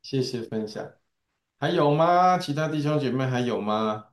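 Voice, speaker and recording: Pastor, short low-key responses, leading group sharing, roomy echoey sound. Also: animated, moderate pace. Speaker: pastor leading a Bible study.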